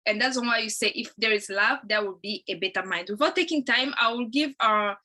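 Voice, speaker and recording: A woman's voice: on the high side, fairly quick, bright, forceful tone. A woman from Congo who grew up in Uganda, hosting an online program, rambling and correcting herself as she greets listeners. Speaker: host.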